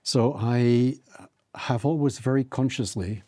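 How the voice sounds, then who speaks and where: An older man being interviewed as an academic, speaking in a thoughtful, halting way with many restarts. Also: mid-range voice, mellow, no room sound. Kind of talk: reflective interview talk. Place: university office.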